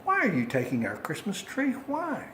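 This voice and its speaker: A man voicing an innocent, puzzled two-year-old girl creature from a storybook, softly pleading, recited from memory. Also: high-pitched, wildly swooping pitch, moderate pace, a little hiss or hum, pitched above the performer's own voice, full character voice. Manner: soft, pleading questions.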